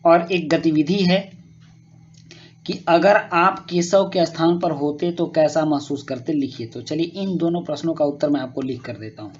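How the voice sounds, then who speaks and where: A male teacher patiently explaining a school worksheet to children, often pausing with fillers and rephrasing. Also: a little high, darkish tone, slight background noise. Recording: muffled lo-fi recording.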